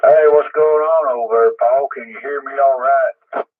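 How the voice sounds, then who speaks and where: A man's voice: mid-range voice, steady tone, moderate pace. A man chatting casually and in a folksy, rambling way over a crackly two-way radio as a ham operator. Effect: crackly two-way radio transmission. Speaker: amateur radio operator checking in to a net. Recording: muffled, narrow-band ham radio transmission.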